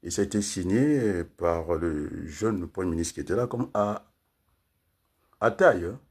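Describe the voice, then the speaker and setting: Older man, husky, lively pitch, rambling talk with lots of tag questions. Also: a little slow. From Congo. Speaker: political commentator. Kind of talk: casual political talk.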